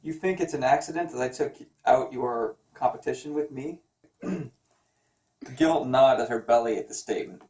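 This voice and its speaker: A comic artist reads his wife's novel aloud as an amateur, joking, teasing, and stumbling over the text with playful asides. His medium-pitched, darkish voice moves at a moderate pace and sounds far from the mic, in a room with a roomy echo.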